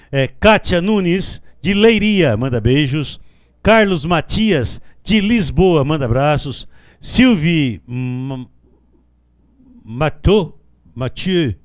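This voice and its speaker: A man's voice: a little high, no echo, clean studio sound. Man chatty Brazilian country singer hosting live. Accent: Brazilian rural caipira. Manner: chatty, playful, talks straight to viewers by name. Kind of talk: casual live-stream chat reading out greetings.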